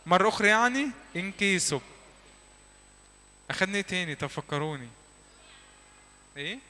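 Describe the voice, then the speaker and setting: Bright-voiced man teaching a class. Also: high voice, animated, a little hiss or hum. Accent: Egyptian Arabic. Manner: repeats words slowly for the class to echo, quizzes listeners. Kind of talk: lively classroom teaching with drills. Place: church hall.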